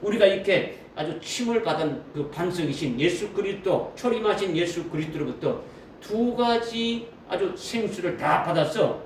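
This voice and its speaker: A man preaching a sermon as pastor, often asking the congregation questions and repeating key phrases. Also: on the high side. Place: church sanctuary. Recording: roomy echo from a distant mic with faint noise.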